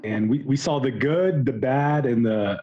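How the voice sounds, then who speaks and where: Raspy-ish guy co-hosting sports talk, opinionated and critical, average pitch, bit muffled sound. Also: a little slow. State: slightly raspy from shouting. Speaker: podcast co-host.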